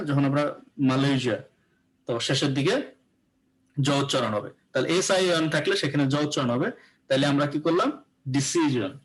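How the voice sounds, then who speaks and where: A man with a Bangladeshi accent leads a live pronunciation lesson. His voice sits a little high, and he explains step by step, often asking whether the class follows. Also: poor audio. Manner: explains patiently, often checks understanding with rhetorical questions. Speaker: English pronunciation teacher.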